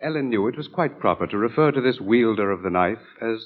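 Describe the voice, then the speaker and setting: A man's voice: medium pitch, lively intonation, fast. A man narrating in a formal, portentous 1940s radio style. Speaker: announcer and narrator. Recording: muffled old radio recording.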